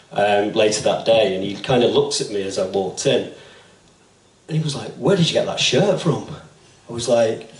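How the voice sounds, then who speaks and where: A man performs spoken-word poetry in a small bar, swapping loose, sweary banter for measured reading. The sound is roomy and a little distant, as if caught from a mic set back from him. His pitch sits in an ordinary middle range. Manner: casual, swearing, self-deprecating banter. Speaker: poet and teacher. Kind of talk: live spoken-word poetry with chatty intros. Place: small bar and cafe with a live audience.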